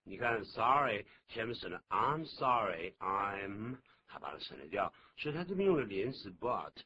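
A man presenting a radio English lesson, lively and patient, often asking the listener questions. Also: lowish voice, moderate pace. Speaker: English teacher. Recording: dull, noisy old radio recording.

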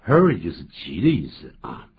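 A man co-hosting a bilingual radio English lesson, explaining phrases in a lively way and acting out short quotes. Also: low-pitched, moderate pace, creaky. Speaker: English teacher co-host. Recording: phone-like lo-fi with faint hiss.

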